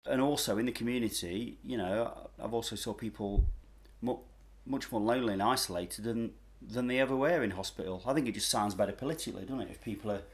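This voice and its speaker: A man talks through his views in a relaxed chat, often restarting his sentences. His voice sits somewhat low. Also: quick pace, hardly any pauses. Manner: hesitant, restarts often, opinionated. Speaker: podcast co-host, former mental health worker. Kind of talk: casual chat.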